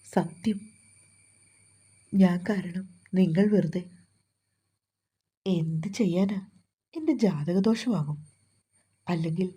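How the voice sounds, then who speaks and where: A woman voicing a gentle young man who talks softly and apologetically to a friend, in a storybook reading. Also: mid-range voice, husky. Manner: soft, consoling and apologetic.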